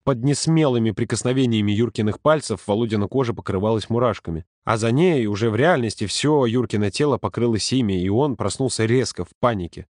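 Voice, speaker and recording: A man narrating a story in a calm, steady audiobook reading. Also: medium pitch, fairly quick, hardly any pauses, no echo, clean studio sound. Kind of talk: scripted narration.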